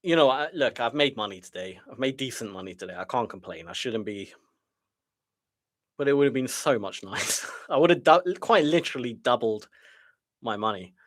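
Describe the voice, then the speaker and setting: A man's voice: mid-range voice, lively intonation, moderate pace. A man giving live trading commentary to his viewers in a frustrated, self-deprecating way, sighing as he muses. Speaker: day trader streaming live.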